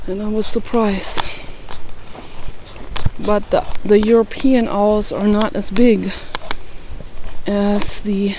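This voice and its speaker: A woman's voice: medium pitch, little pitch movement, slow, pauses often, noisy background. A woman from Germany chatting casually while out walking in nature, a little out of breath, rambling and laughing often between thoughts. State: out of breath from hiking. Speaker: vlogger. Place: outdoors in nature.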